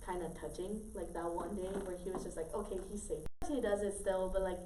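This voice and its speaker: A woman's voice: lowish voice, steady tone, brisk, warm tone. A teenage girl casually telling a story to friends, rambling with lots of fillers and restarts. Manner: rambling, many fillers and repeats. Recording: roomy, far from mic, faint noise.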